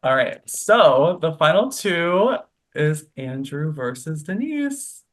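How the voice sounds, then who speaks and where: A man's voice: fairly high pitch, sing-song, slow pace, fairly bright tone. Giggly man hosting an online game. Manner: giggly, upbeat announcing. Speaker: game show host. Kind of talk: hosting an online game over a video call.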